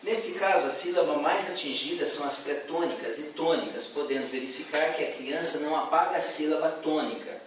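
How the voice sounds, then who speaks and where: A man gives a student class presentation, pausing often with fillers and restarts. His voice sits a little high and is picked up from across a very echoey classroom, with faint hiss behind him. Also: recorded from a distance. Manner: hesitant, many fillers and restarts.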